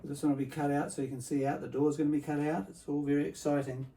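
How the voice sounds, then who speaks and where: Playing a builder in a workshop vlog for kids, a man explains things simply with the cheer of a party host, checking in through tag questions. His voice is fairly high and flat, he talks quickly, and the recording quality is poor.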